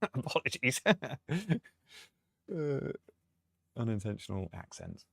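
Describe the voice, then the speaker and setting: A man's voice: mid-range voice, big pitch swings, takes it slowly, creaky, fairly bright tone, husky, dry recording. A man and music producer, talking through a track on a live stream, chatty and thinking aloud with frequent laughs.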